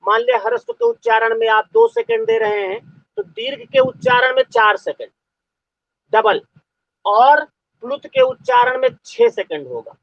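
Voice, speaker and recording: A male teacher giving a live online class, dictating slowly and repeating phrases for students to write down. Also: very high-pitched, gravelly. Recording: dull lo-fi audio.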